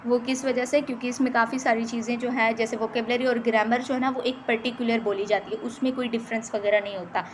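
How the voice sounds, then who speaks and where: Woman from pakistan teaching, kinda high voice, keeps saying theek hai, slow when reading english, faint hiss behind. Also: fairly even intonation, rough recording. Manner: explains in Urdu with English terms, reads English text slowly; often adds "theek hai" between points. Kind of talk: recorded lecture on English dialects.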